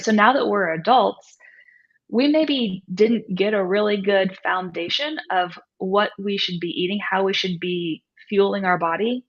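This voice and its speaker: On dull, lo-fi audio, a woman in her thirties or forties with a slightly bright, mid-range voice talks as a guest nutrition coach. She explains her points conversationally in response to interview questions, frequently adding "you know" and "right?".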